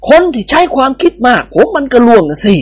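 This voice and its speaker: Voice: medium pitch, sing-song, fast talker, pitched above the performer's own voice. A storyteller voicing a pompous, short-tempered old Thai nobleman who blusters indignantly.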